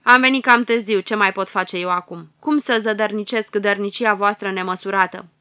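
A woman voicing an evil, hateful old hunchbacked witch with a shrill, hissing voice and a ranting, cackling, venomous manner. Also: sharp tone, no echo, studio quality. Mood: gloating.

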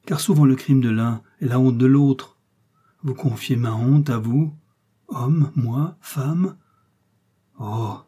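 A man's voice: medium pitch, slow, long pauses, dark tone, husky. A man voicing Milady, a pleading scheming noblewoman. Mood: anguished. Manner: pleading, pathos-laden, theatrical. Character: scheming seductive noblewoman prisoner.

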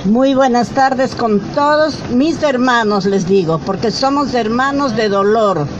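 Older Ecuadorian woman, slow and high. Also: highs cut off. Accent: Ecuadorian Spanish. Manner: emotional, halting, searches for words. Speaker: grandmother speaking at a rally. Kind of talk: public address at an outdoor protest. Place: outdoor city plaza with traffic. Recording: noisy outdoor street recording.

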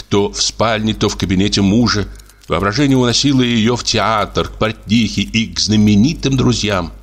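A man reading a classic short story aloud in a measured, expressive audiobook narration. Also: sits low. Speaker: audiobook reader.

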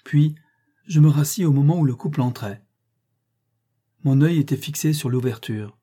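A man reading the lines of a brooding, bitter middle-aged gentleman in a slow, declamatory way. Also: a little high, husky, pitched above the performer's own voice. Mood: recounting.

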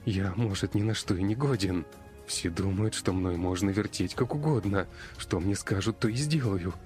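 A man's voice: low voice, normal speed, a little mellow, faint music behind, natural voice. A man voicing a cornered teenage half-elf boy who talks in a strained, tearful, defiant way. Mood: tearful defiance.

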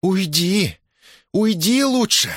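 A man's voice: sits high, sing-song, a little slow, no echo, clean studio sound, voice pushed up. A man voicing a stubborn young peasant wife who answers back sharply and defiantly.

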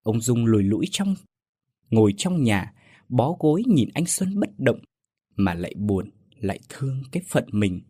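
A man narrates a ghost story, dramatic and expressive. His voice is husky and swings widely in pitch. The recording is close and dry. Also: moderate pace, no echo.

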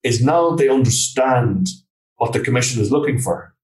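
This interview guest, a trainer and consultant from Galway with a west of Ireland accent, answers informally in plain terms. His voice is mid-range, expressive, and a little mellow at a moderate pace, picked up by a distant mic in a roomy, echoing space.

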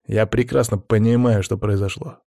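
A man's voice: on the low side, fairly even intonation, normal speed, creaky, mellow, no echo, clean studio sound. A male reader voicing an arrogant, touchy young necromancer in an audiobook, speaking in a haughty, snapping way.

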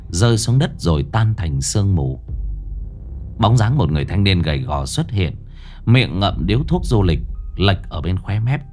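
Male narrator, low voice, lively, storytelling, ghost story, faint music. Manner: animated, expressive.

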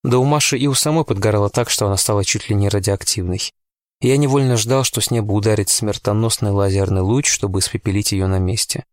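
Man narrating audiobook, low voice, dry close sound, steady tense delivery. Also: quick pace, no echo. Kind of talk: first-person audiobook narration.

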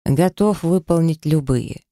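A man's voice: fairly high pitch, a little slow, no room sound, clean studio sound. A narrator doing an earnest young man in love. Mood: good-natured. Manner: earnest, gentle.

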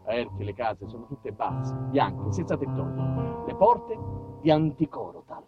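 With an unhurried, mid-range voice and a southern Italian accent, this man performs a comic, theatrical monologue on life in a small town. He acts out the dialogue and shifts from whispers to shouts, while music plays under a muffled, faraway recording.

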